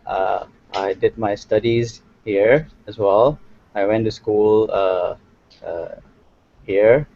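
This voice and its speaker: Soft-spoken young man from Thailand, low voice. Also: fairly even intonation, slow, vocal fry, dry recording. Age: young adult. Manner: hesitant, many fillers and restarts, soft-spoken. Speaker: interview guest, hotel owner. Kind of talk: casual interview answers. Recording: dry, slightly dull audio.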